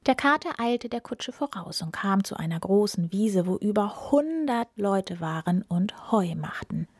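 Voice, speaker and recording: Woman, whispered storytelling of a fairy tale, slow soft whisper, dry close sound. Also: medium pitch, expressive, husky, dry recording.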